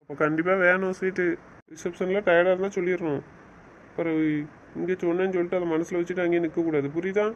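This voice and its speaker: A man's voice: high-pitched, level tone, quick pace, highs cut off, a little hiss or hum, close to an everyday voice. A man playing a young newlywed husband who teases his wife and lectures her sternly in a romantic audio drama. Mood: playful. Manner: teasing, then stern and scolding. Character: young husband, teasing yet bossy with his new wife.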